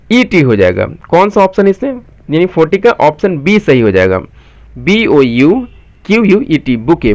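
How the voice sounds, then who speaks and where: A man with a Bihari Hindi accent teaching a spelling lesson for exams. He spells each word slowly letter by letter, then explains its meaning quickly and asks his viewers questions. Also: on the high side, no echo. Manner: asks the viewers questions and answers them himself. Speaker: exam coaching teacher.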